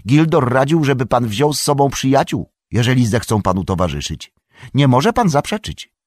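An earnest young hobbit servant, as a male narrator puts him on, lifted higher than the reader's own husky voice. He stays polite and respectful, and the pitch keeps moving in this storybook reading. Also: sing-song, normal speed, no room sound, clean studio sound. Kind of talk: audiobook character voice.

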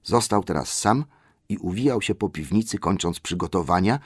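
A man narrating a fantasy audiobook in a steady, measured reading. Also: deep voice, slightly rough, no room sound, clean studio sound. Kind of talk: scripted narration.

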